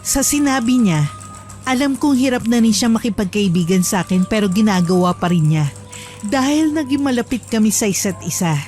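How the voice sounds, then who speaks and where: A woman narrating a true horror story in a calm, earnest storytelling manner. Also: a little high, a little fast, faint music behind.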